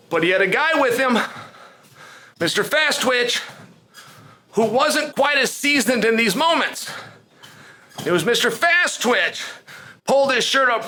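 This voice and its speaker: A man's voice: very high-pitched, sharp tone. An American man giving a casual, emphatic opinion monologue like a sports commentator, repeating phrases for effect as he tells stories. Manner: emphatic storyteller, repeats phrases and poses rhetorical questions. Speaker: sports commentator hosting a talk vlog.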